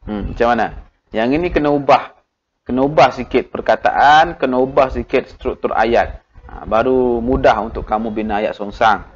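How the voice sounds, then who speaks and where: A male primary school teacher with a Malaysian Malay accent, patiently coaxing pupils through a recorded grammar lesson and filling pauses with "ha". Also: medium pitch, breathy edge. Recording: dull lo-fi audio.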